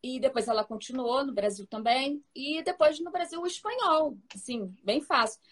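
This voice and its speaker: A woman with a Brazilian Portuguese accent and a fairly high voice talks about her daughters in relaxed conversation. She keeps checking in with her listener with short tag questions. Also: normal speed. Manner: conversational, tags remarks with "né?". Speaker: mother. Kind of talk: casual chat.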